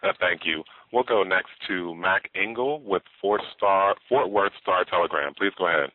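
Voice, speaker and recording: A man's voice: low-pitched, normal speed. A man moderating a conference call on speakerphone, formally introducing each caller. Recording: tinny, distant phone line with faint clicks.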